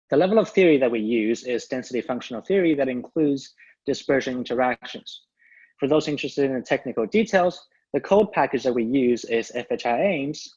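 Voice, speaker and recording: A man's voice: mid-range voice, a little mellow, husky. A young man, an undergraduate, giving a formal, methodical scientific presentation over a video call. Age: young adult. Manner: formal, methodical, signposting each point. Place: indoor room, on a video call. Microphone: video call microphone. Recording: dull video-call audio.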